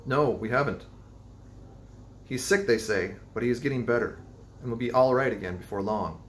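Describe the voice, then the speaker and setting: A man's voice: mid-range voice, normal speed, slight background noise, natural voice. A man playing a wary young sailor.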